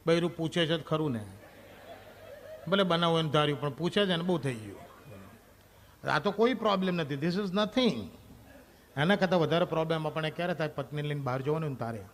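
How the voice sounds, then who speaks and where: High-voiced man doing stand-up. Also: a bit bright, slight background noise. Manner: chatty, addresses the audience directly. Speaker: stand-up comedian. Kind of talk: stand-up comedy monologue.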